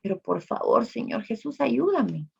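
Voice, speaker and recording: A woman's voice: a little high, very animated, unhurried, vocal fry, darkish tone, breathy edge, voice pushed up, full character voice. A woman voicing a desperate five-year-old boy who begs for a miracle in a pleading, urgent voice. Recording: dull lo-fi recording.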